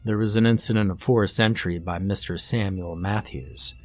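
A man voicing a calm, formal police officer calling on the phone, speaking in polite official phrasing within a horror story reading. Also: on the low side, normal speed, soft background music, close to an everyday voice.

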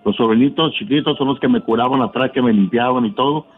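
A middle-aged man calling a radio show by phone, telling a personal story in an earnest, halting, repetitive way. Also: mid-range voice. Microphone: telephone. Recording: tinny phone line.

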